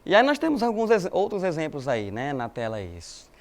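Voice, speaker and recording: With a high voice, huge pitch swings, and a fairly quick pace, a Brazilian man teaches Spanish in a recorded lesson. His explanations are patient, and he keeps addressing the "galerinha" with little "né" tag questions to check in.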